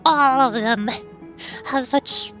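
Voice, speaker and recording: A woman's voice: high voice, takes it slowly, fairly bright tone, soft background music. Cute, chatty woman game streamer. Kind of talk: casual livestream commentary.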